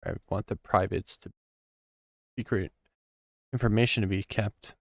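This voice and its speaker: Slow, halting man coding live. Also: lowish voice, steady tone, dry recording, clean studio sound. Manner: halting, musing, many ums and pauses. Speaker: programmer streaming a coding session. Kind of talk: thinking aloud while coding live.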